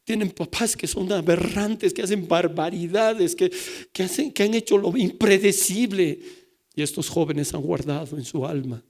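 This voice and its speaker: A middle-aged man preaching a sermon as a pastor, telling stories dramatically, dropping to a whisper and then rising to a shout. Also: high voice, moderate pace.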